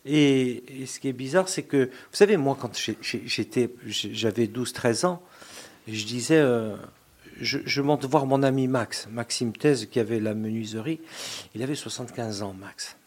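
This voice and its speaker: A man's voice: medium pitch, moderate pace, darkish tone. An older man speaking as a guest about his band, fervent and repeating words as he searches for them. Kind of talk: casual enthusiastic talk.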